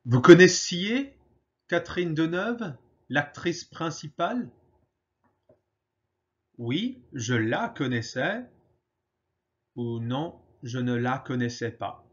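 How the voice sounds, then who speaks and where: A man teaching French grammar in a slow, patient way, pausing often and switching to English to explain. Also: fairly high pitch, big pitch swings, muffled recording. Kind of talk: grammar lesson.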